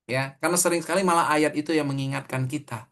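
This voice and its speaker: A man's voice: fairly high pitch, steady tone, quick pace, fairly bright tone. A middle-aged man, preaching a sermon in a conversational way, telling a story and acting out the quoted dialogue.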